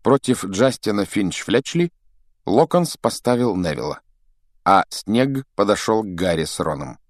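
A man's voice: fairly low pitch, very animated, measured pace, no room sound, studio quality. A man narrating a fantasy novel aloud as an audiobook reader, telling the story expressively.

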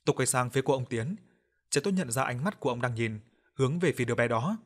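A man narrating an audio story in a steady, measured reading style. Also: mid-range voice.

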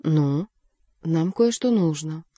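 A loyal, practical young doctor, calm and matter-of-fact, as a woman reader puts him on. Low, mellow and dry in a close reading. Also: slow, no echo, heavily acted. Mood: steady.

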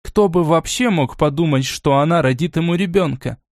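In this audiobook, a man voices a stern, aristocratic old grandmother who speaks in a measured, cool, commanding way and sounds angry. The voice sits a little high with a darkish tone and is natural, recorded dry and close with no room sound.

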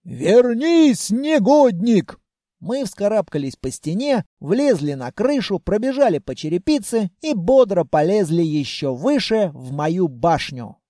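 A man narrating a first-person fantasy audiobook in a playful, lively storytelling manner. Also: sits high, unhurried, few pauses, dry recording, studio quality.

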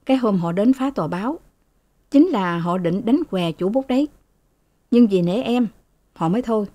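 A woman reading an audiobook voices a calm young male student in her own level voice. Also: medium pitch, moderate pace, lightly acted.

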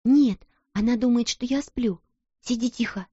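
A woman's voice: a little high, normal speed, mellow, breathy edge, no room sound, pitched above the performer's own voice. A woman voicing a proud, passionate young schoolgirl who speaks earnestly, in a muffled, dull recording. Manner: earnest, intense.

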